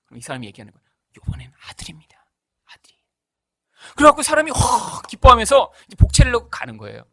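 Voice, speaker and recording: A man delivers a sermon in a high, bright voice that rises and falls a great deal. He keeps throwing rhetorical questions at the congregation. He acts out the voices of the people in his stories. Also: wildly swooping pitch, rapid-fire, no room sound. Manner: tells stories with acted-out voices. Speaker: pastor.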